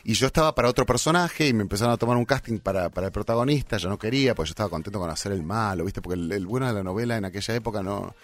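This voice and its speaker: A man's voice: on the low side, very fast, few pauses. A man in his forties with an Argentine accent, a guest on a radio show, chatting casually in a rambling, self-deprecating way with many restarts. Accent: Argentine Spanish. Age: 40s. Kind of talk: casual chat. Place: radio studio.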